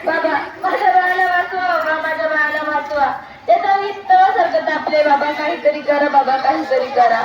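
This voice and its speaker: A woman's voice: high-pitched, normal speed, crowd noise, background noise, natural voice. A girl on a school stage playing a desperate village mother who pleads for her sick baby. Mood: pleading. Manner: pleading, emotional. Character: anxious village mother, young woman. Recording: echoey hall, dull sound.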